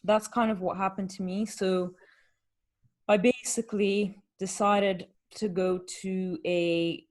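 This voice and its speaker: A woman's voice: mid-range voice, steady tone, slow, a little mellow. A woman, a fitness coach hosting a podcast, chatting candidly and explaining things with rhetorical questions. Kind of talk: casual podcast chat.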